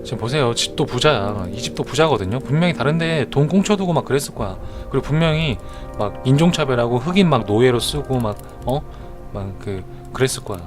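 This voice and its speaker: A man's voice: mid-range voice, expressive, fairly quick. A man streaming a game live, chatting in a joking, mock-earnest way as he justifies his moves. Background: music.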